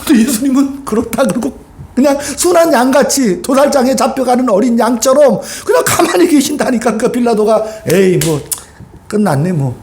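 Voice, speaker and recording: A male pastor preaching a sermon, telling the story with lively rhetorical questions and acted-out voices. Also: very high-pitched, fairly quick, slight background noise. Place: church sanctuary. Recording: echoey church hall.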